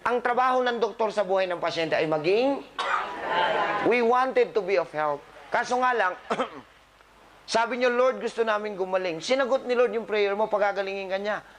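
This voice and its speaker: A man's voice: high-pitched, moderate pace, fairly bright tone, a little hiss or hum. A man, a doctor, giving a live talk to patients, scolding them with humor and quizzing the audience. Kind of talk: live motivational health talk.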